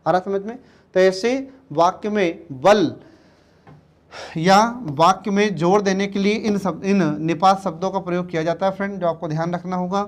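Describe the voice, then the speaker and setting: A man teaching an exam-prep grammar lesson, going slowly, repeating words and often checking that students follow. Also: high voice.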